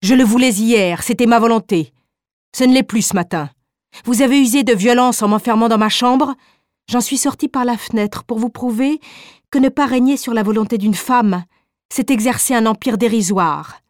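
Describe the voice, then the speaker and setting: Woman doing a cold proud young wife, measured and dignified, dry sound. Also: fairly high pitch, darkish tone, no echo, close to an everyday voice. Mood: calm. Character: proud defiant young wife, icily calm. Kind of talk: audiobook reading.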